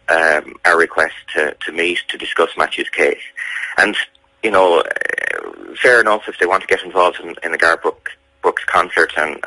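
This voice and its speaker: Deep, forceful Irish man in interview. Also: dry recording, low-quality recording. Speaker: campaigner interviewed about a family member's case. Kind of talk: radio interview.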